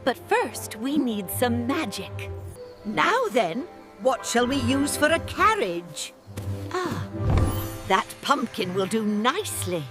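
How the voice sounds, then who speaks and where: A kindly fairy godmother, voiced by a woman, speaks in a high, sing-song voice that swoops up and down, taking her time over each soothing word. A storybook orchestral score plays underneath her. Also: big pitch swings, takes it slowly. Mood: gentle. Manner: warm, cooing, theatrical. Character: kindly plump older female fairy godmother. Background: orchestral music.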